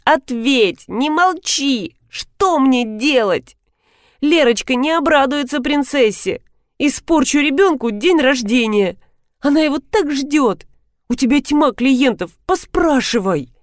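A woman's voice: sits high, expressive, slow, no room sound, studio quality, pitched above the performer's own voice. A woman voicing a pushy, frantic young mother who is insistent and tearful. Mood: pleading.

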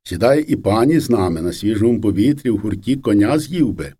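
Mellow male storyteller, lively intonation. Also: on the low side, breathy edge. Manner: unhurried, lively folk storytelling. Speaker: reader. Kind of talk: storybook narration of a first-person memoir.

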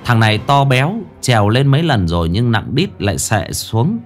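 A man narrating a comic ghost story in a lively storytelling manner. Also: mid-range voice, moderate pace, faint music behind.

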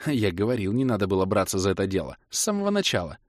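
A man's voice: fairly low pitch, very animated, quick pace, no room sound, studio quality. A man voicing a gloomy male prisoner who drawls sadly and protests his innocence, in an audiobook. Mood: glum.

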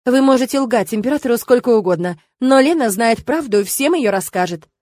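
A woman's voice: a little high, lively intonation, fairly quick, a little mellow, no echo, close to an everyday voice. A woman gives voice to a brave young mentalist in an audiobook romance. She is proud, protective and indignant. The read is dry and close.

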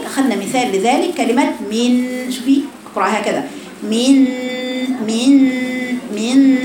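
A woman with an Egyptian accent who teaches Quran recitation. She corrects her students and shows each sound by repeating it slowly. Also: a little high. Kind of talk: tajweed lesson correcting students. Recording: echoey room with noise.

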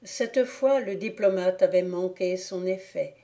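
Slow, mellow woman narrating a novel. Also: fairly low pitch. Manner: calm, measured, deliberate. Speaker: audiobook reader. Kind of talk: scripted narration of a classic novel.

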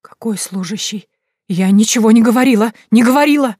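A woman voicing a terrified young woman who screeches and shouts in panic. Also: medium pitch, brisk, no room sound, clean studio sound, natural voice. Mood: panicked, hysterical.

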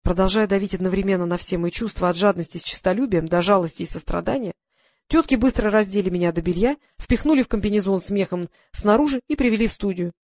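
A narrator reads a comic first-person story with wry, brisk timing, at an ordinary middle pitch. The recording is close and completely dry, with no room sound. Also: a little mellow, no room sound. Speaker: audiobook narrator.

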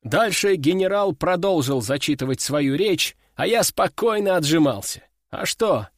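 Male narrator, first-person audiobook, lively tone, slightly raised pitch, dry close mic. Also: a little slow, no echo. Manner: lively, expressive storytelling.

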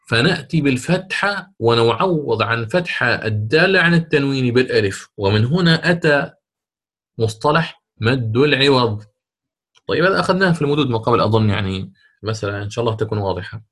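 A man teaching a lesson on Quran recitation rules, explaining step by step and stretching out example words slowly. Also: medium pitch, a bit bright. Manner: slow, drawn-out example words, repeats for emphasis.

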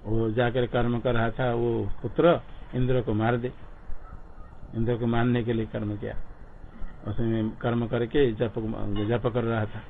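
A man teaching a class in an ashram on Sanskrit grammar and pronunciation. He explains slowly, drills words by repeating them and puts questions to his listeners. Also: medium pitch, a little hiss or hum. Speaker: swami teaching Sanskrit scripture. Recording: tinny phone-like lo-fi recording.

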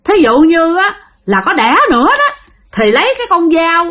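A woman with a Southern Vietnamese accent voicing a vengeful female ghost who was murdered, with a shrill, piercing voice and bitter, repeated accusations. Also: sing-song, moderate pace, a bit bright, exaggerated voice. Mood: grudging.

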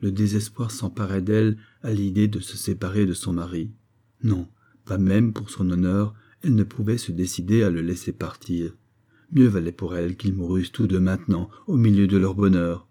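Deep-toned male audiobook narrator. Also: steady tone, normal speed, dark tone.

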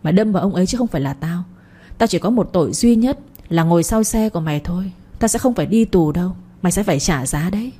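Woman reading a vengeful village man, hard quick threats, dark husky voice. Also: lowish voice, animated. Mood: threatening. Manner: threatening, fast and angry. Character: grieving vengeful young village man Lập.

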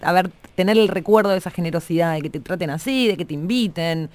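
A woman's voice: lowish voice, fast talker, no echo. A woman with a Rioplatense accent hosting a radio show, interviewing a guest in a casual, reflective way. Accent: Rioplatense Spanish. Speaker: radio host.

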